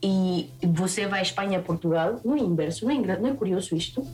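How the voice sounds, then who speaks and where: A woman from Peru with a Peruvian Spanish accent, talking in a lively, chatty way as a chef being interviewed. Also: mid-range voice, fast talker, distant mic, faint music behind. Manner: lively, talkative, restarts often. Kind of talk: casual interview chat.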